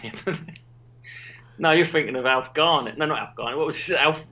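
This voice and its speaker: A man co-hosting a casual comedy chat over a call, excitable and sweary, with a voice that leaps up and down. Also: fairly high pitch, normal speed, muffled recording. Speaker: podcast co-host. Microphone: remote call.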